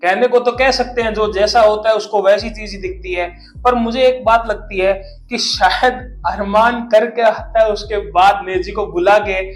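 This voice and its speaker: A man with a fairly high voice delivers sarcastic roast commentary, mocking and scornful, with punchy timing. The recording sounds roomy and echoey. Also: fairly even intonation, normal speed, few pauses. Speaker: YouTube roast host.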